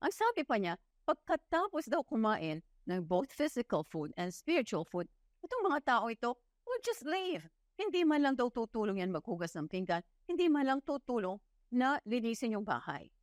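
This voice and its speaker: A woman preacher with a Filipino accent giving a sermon, telling stories with lively delivery and asking her listeners questions. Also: on the high side, moderate pace, no echo, clean studio sound. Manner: lively storytelling, mixing English into Filipino, quizzing the audience.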